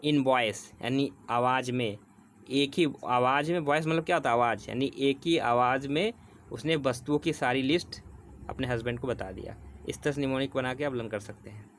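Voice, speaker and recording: Man teaching, slow and repetitive. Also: mid-range voice, a little hiss or hum. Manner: explains slowly with repetition, reads English definitions word by word. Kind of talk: exam prep vocabulary lesson.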